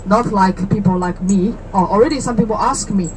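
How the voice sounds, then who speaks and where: A brisk tour guide in her thirties, originally from China and speaking with a Chinese accent, chats to visitors during a walking tour in a mid-range voice. She explains things, asks questions, and jokes, all outdoors on a city street with traffic noise around her.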